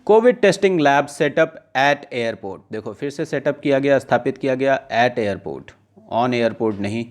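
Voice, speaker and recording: A man teaches English vocabulary to exam students, reading news lines slowly and then explaining them conversationally with checking questions. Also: medium pitch, animated. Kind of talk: casual classroom-style lesson, mixing Hindi and English.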